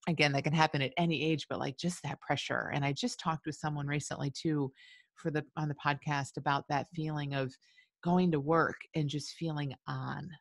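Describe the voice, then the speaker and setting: A woman hosting a podcast on a video call, affirming her guests and thinking out loud in a conversational way. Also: deep voice, steady tone, normal speed, no echo. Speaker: podcast host. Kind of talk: conversational interview. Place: home room indoors. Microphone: video call with earbuds.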